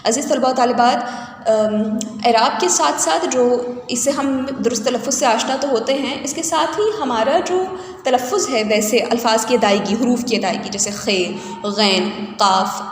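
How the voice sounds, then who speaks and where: A woman's voice: on the high side, a little hiss or hum. A woman teaching a recorded lesson, explaining carefully and spelling out vowel marks letter by letter. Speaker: Urdu teacher. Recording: echoey room with long reverb.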